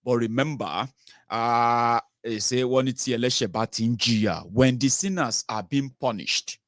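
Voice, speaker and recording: This political phone-in host, a Nigerian-accented man, talks with callers about politics, pressing his points with rhetorical questions and tags. He has a medium pitch and a slightly bright tone at normal speed, captured as clean studio sound without echo.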